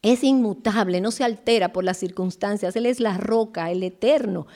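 A woman giving an earnest devotional Bible teaching, slowing down with emphatic pauses. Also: mid-range voice, warm tone.

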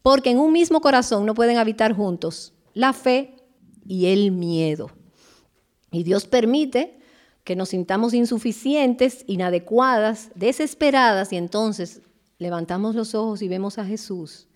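A woman giving an earnest devotional Bible teaching, slowing down with emphatic pauses. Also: mid-range voice, darkish tone.

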